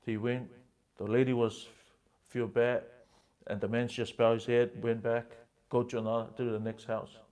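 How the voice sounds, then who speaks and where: A man preaching a sermon as pastor, impassioned, with slow, emphatic phrases that swing between loud and hushed. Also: medium pitch, level tone.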